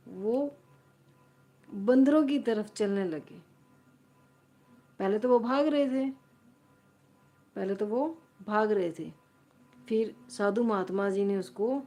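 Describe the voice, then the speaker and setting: A woman on a live stream tells a story in a slow, unhurried way. She often repeats a line or corrects herself mid-sentence. Her voice is soft and mellow. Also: fairly high pitch. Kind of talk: casual storytelling to a live audience.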